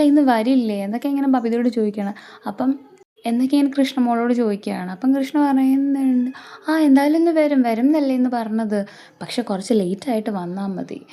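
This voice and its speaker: Casual Malayali woman narrator, mellow and a touch high, chatty storytelling. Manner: chatty, retells the characters' lines in her own voice. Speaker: serial recap narrator. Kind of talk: casual retelling of a TV serial episode.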